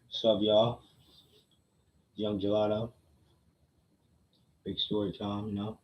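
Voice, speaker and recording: A man with a lowish, fairly monotone voice tells a casual personal story to his livestream chat, taking his time. He's slangy, repeats phrases for emphasis, and often checks in with listeners. The recording is muffled with a roomy echo.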